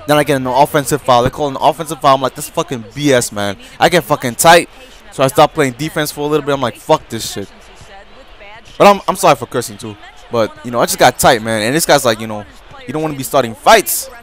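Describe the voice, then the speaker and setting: A man's voice: mid-range voice, fairly bright tone. A young man telling a rambling story in a casual vlog, with lots of restarts and a sore throat, as a gaming YouTuber.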